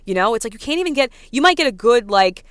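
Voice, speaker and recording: A woman in her thirties with a New York accent, ranting casually to her vlog audience, talking fast and packing her speech with "like" and "you know.". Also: fairly high pitch, big pitch swings, fairly bright tone, clear, resonant tone, dry recording, clean studio sound. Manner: fast, filler-heavy talk with many "like"s and "you know"s. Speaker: vlogger. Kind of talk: casual rant to camera.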